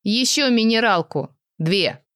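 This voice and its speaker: Woman reader as a sardonic young man, deadpan and mocking, dry sound. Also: on the high side, slow, clear, resonant tone, dry recording. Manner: dry, sarcastic, understated.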